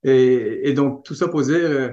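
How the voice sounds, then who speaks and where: A man with a non-Parisian French accent, a podcast guest chatting casually and pausing to search for his words. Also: medium pitch, dark tone, echoey room, lo-fi sound. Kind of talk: casual chat.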